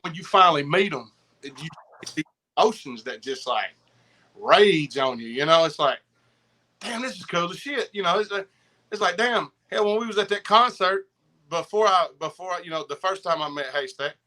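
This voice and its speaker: Southern guy rambling on a podcast, kinda high voice, real bright n punchy, slangy, repeats himself. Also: animated, moderate pace. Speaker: podcast guest. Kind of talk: casual chat, rambling anecdotes.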